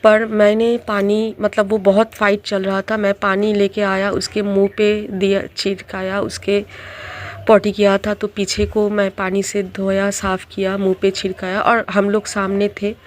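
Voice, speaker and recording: A middle-aged woman telling a personal story in a halting way, restarting often and mixing in English words. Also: mid-range voice, monotone. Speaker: tarot reader.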